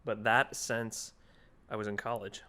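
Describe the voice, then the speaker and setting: A man's voice: lowish voice, little pitch movement, a little slow, pushed and bright. Man, young adult, podcast co-host, teasing, laid-back, laughs a lot. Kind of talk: casual chat.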